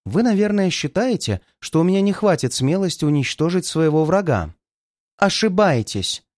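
A man's voice: high voice, big pitch swings, normal speed, dry recording, clean studio sound, voice pushed up. A man voicing a furious murderous actress. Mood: menacing. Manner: threatening, mocking, shouting in fury. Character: cold murderous young woman, stage performer.

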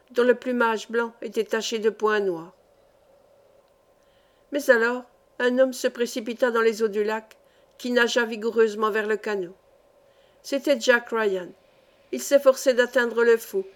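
A woman with a somewhat high voice reads a classic adventure novel aloud as audiobook narration. Her delivery is measured and expressive, and she rises in pitch and loudness when characters cry out. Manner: measured, expressive reading that rises for shouted lines. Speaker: audiobook reader.

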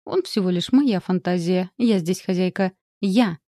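A woman's voice: lowish voice, a little slow, dark tone, no room sound, clean studio sound, lightly acted. A woman voicing an irritable young heroine who speaks indignantly and exclaims. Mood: shouting.

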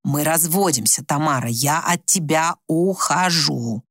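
A woman voicing a tired, bitter older husband who speaks slowly and low in an audiobook story. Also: fairly bright tone, dry recording, clean studio sound, exaggerated voice. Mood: weary. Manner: tired, slow, low and resigned.

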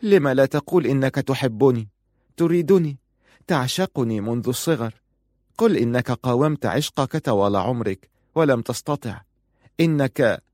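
A man's voice: medium pitch, animated, fairly quick, a little mellow, no echo, natural voice. A bold, clever young wife speaks with teasing confidence in a dry, close audiobook recording , voiced by a man. She stays sure of herself and a touch playful. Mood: tender.

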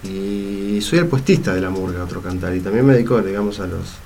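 A man, a radio guest talking about his theatre work in a relaxed, halting way. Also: low voice, creaky, slight background noise. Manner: relaxed, rambling, halting with fillers. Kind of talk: casual radio interview.

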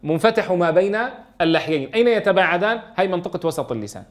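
A man teaching Quran recitation, reading a classical text slowly and explaining it with questions to his students. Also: high-pitched, animated. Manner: reads quoted verses slowly, then explains in dialect with rhetorical questions.

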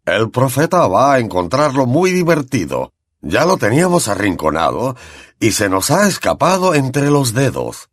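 A man's voice: medium pitch, very animated, normal speed, no room sound. A man voicing a flustered, pompous middle-aged male government minister who blusters and huffs. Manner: blustering, huffy.

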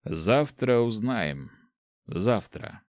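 A man voicing a weary, secretive male dark mage teacher who speaks slowly and gravely, in an audiobook. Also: fairly low pitch, animated, dry recording, clean studio sound. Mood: curt. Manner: slow, grave, ominous.

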